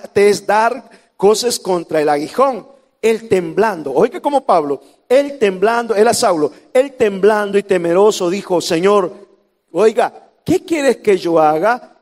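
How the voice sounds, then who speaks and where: A male pastor with a Salvadoran Spanish accent preaching a sermon, jumping from shouts to hushed lines and tossing in humorous asides to the congregation. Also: high-pitched, long reverb tail. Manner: preaching with sudden shouts and drops to near whispers.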